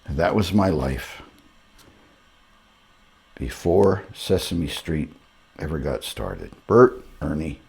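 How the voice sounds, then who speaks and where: A man's voice: extremely low pitch, animated, takes it slowly, gravelly, long pauses, a little mellow, breathy edge. An older man reading a storybook aloud to children, with wry joking asides between the lines.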